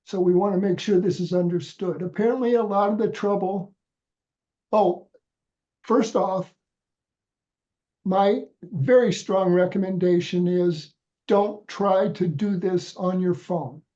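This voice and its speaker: A man with a head cold, his voice sitting high, a little slow and mellow on a lo-fi recording, sounds congested. As a volunteer trainer on a video call, he patiently walks volunteers through a website step by step, restarting his sentences often.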